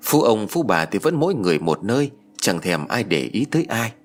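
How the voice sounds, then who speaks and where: A man narrating an audiobook story in an expressive storytelling manner. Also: fairly low pitch, a little fast, faint music behind.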